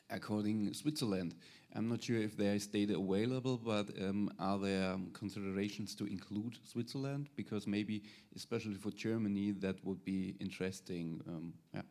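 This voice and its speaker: Fairly low man's voice, audience question, tentative, unsure. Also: darkish tone. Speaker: audience member asking question. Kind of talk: conference Q&A question.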